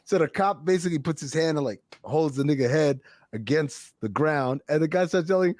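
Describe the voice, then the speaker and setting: A man's voice: fairly high pitch, fairly quick, darkish tone, no echo, clean studio sound. A man co-hosting a podcast, casually telling a crude news story with frequent laughter. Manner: loose storytelling, laughs often, profane. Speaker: podcast co-host. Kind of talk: casual chat.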